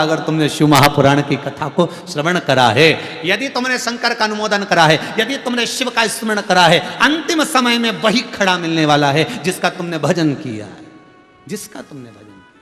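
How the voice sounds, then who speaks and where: A man preaching a devotional sermon, telling a scripture story with theatrical, animated delivery, over a mic in a large echoing hall with soft music. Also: high-pitched. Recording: echoey hall with long reverb, faint music.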